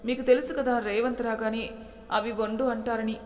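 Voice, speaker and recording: A woman voicing a timid young daughter-in-law who explains herself softly, in a storybook reading with a long hall reverb. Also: fairly high pitch, fairly even intonation, moderate pace, close to an everyday voice. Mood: tearful pleading.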